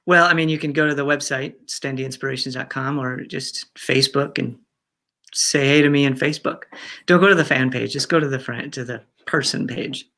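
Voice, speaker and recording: A man's voice: medium pitch, fairly even intonation, moderate pace, gravelly, pushed and bright. A man in his fifties, a guest in an interview, talking in a chatty way with many fillers and restarts and frequent laughter. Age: 50s. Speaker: guest speaker. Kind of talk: casual interview chat.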